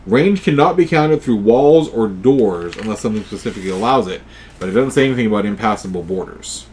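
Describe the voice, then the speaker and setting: Male host, board game let's play; swings between dramatic readings of game text and casual rules talk, animated pitch. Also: brisk, a little hiss or hum. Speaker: host and player.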